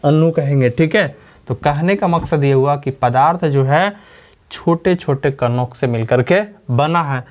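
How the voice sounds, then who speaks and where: A man's voice: a little high, a little slow, highs cut off. A male teacher giving a science lesson, often asking questions and repeating the key back. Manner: repeats key words and quizzes listeners with questions. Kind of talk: classroom lecture.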